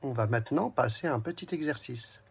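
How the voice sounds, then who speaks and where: A man's voice: mid-range voice, animated, a little fast, creaky, slightly rough. A man teaching a reading lesson to young children, saying each word twice and breaking it into syllables while speaking directly to the child. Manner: addresses the child directly and gently. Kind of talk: slow, clearly spelled-out early reading lesson.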